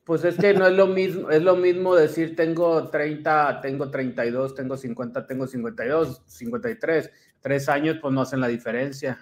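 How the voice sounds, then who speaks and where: A man co-hosting a casual gossip chat, asking questions and adding quick quips. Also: fairly high pitch, steady tone. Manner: conversational, quips and asks questions. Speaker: co-host.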